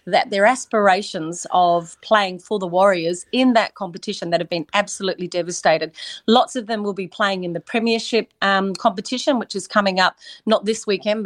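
A woman's voice: medium pitch, no echo. A plain-spoken woman with a New Zealand accent, giving emphatic opinions as a guest commentator in a radio sports discussion.

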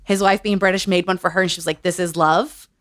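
Woman podcast host, smooth clear tone, dry close sound, animated casual chat. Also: mid-range voice, racing, dry recording. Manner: animated, laughing, swearing, quotes with dramatic flair.

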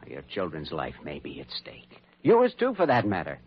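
A man's voice: low-pitched, wildly swooping pitch, moderate pace. An actor playing an earnest, resolute male doctor with a firm manner, in classic radio drama style. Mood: stern, pressing. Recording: muffled, noisy vintage radio recording.

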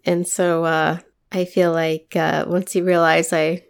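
A woman co-hosting a podcast in casual chat, with a gravelly, croaky voice as she gets over a cold. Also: lowish voice, flat delivery, measured pace. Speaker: podcast co-host.

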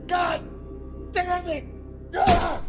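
An actor playing a ruthless, hot-tempered prison warden in an action film, commanding and menacing, barking clipped orders. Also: male voice, extremely high pitch, steady tone, very slow, loud music behind the voice, full character voice. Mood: furious.

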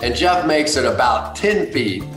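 A man telling anecdotes in an interview, animated and acting out what others said. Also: medium pitch, a little slow, echoey room, faint music behind. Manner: animated, acts out others' lines. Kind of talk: anecdotal storytelling.

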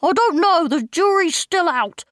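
Woman playing a bossy cheeky schoolboy, high lively voice, dry sound. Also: unhurried, no echo, heavily acted.

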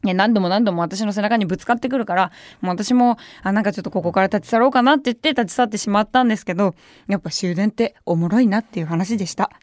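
Fast-talking young woman radio host. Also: mid-range voice, darkish tone, no echo. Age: young adult. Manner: chatty storytelling with wry asides. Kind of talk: casual radio talk. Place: radio studio. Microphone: studio microphone.

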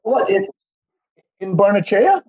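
Reminiscing casually as an interview guest, a Winnipeg man in his fifties tells long, meandering stories with plenty of fillers and restarts. His high, sing-song voice is a little slow, darkish, and breathy. There's no room sound, and the highs are cut off.

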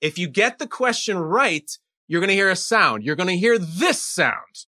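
High, lively, energetic quiz host man. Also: normal speed. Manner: energetic, playful. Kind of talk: game show interview.

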